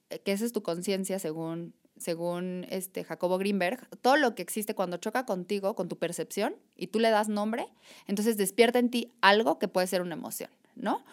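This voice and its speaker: Woman guest, animated reflective conversational delivery. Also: medium pitch. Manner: animated, reflective, repeats "o sea" and "¿sabes?". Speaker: podcast guest. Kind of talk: casual conversation.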